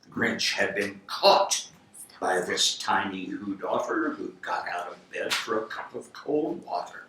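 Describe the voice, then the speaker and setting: A middle-aged or older man reading a storybook aloud like a grandfather, with theatrical, rhythmic, deliberate delivery. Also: on the low side, lively intonation. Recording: roomy distant home recording, faint noise.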